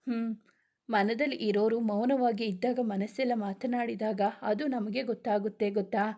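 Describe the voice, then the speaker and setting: A woman's voice: on the high side, steady tone, normal speed, dark tone, close to an everyday voice. A woman voicing a playful, affectionate young husband who teases and coaxes his new wife. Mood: teasing. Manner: teasing, coaxing.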